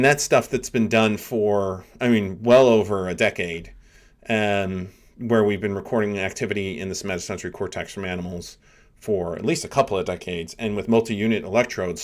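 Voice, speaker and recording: A middle-aged man hosting a live stream as a professor, giving casual reaction commentary and thinking aloud with lots of fillers. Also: lowish voice. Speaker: livestream host, neuroscience professor.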